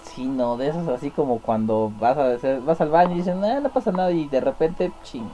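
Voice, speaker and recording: A man's voice: medium pitch, fairly quick, dark tone, highs cut off, a little hiss or hum. A man co-hosting a radio show, bantering and joking playfully. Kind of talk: casual banter.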